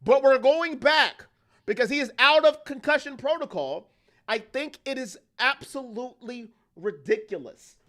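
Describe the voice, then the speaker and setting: Male fan host, higher-pitched voice, bright and sharp, heated ranting, livestream chat reading. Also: lively intonation. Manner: heated, ranting, fast-shifting intensity.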